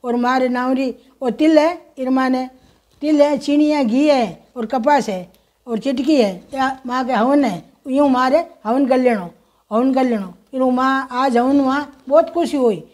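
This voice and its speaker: Woman, Rajasthani accent, high-pitched, folksy, motherly, ritual instruction with slow chanting. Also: darkish tone. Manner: folksy, motherly, addresses viewers as children; slow, sing-song chanting of mantras. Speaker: home ritual teacher. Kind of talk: instructional talk with mantra chanting.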